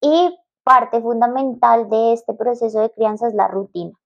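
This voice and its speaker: A woman co-hosting a casual podcast conversation, explaining calmly and often chiming in with agreeing fillers. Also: fairly high pitch, moderate pace, creaky, highs cut off. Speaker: podcast co-host.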